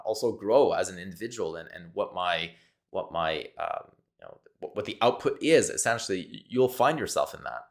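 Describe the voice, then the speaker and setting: Speaking English with a Québécois accent, a man from Quebec, Canada, for whom French comes first, delivers a monologue straight to camera. His voice is lowish with a fairly bright tone. He repeats himself and feels his way along, thinking aloud into the camera mic.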